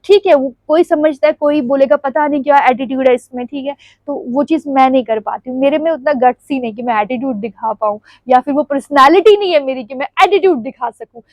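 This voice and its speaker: A woman's voice: high-pitched, fairly quick, hardly any pauses, darkish tone, no room sound, poor audio. A young woman vlogging at home, talking in a rambling, confiding way and laughing often as she chats. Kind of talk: casual chatty vlog. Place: at home, standing before the camera.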